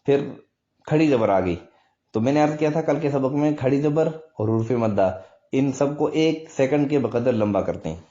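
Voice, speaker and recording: A man's voice: medium pitch, animated, mellow. A man teaching a step-by-step recitation lesson, patiently explaining and repeating words, drawing them out to demonstrate. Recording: dull lo-fi recording.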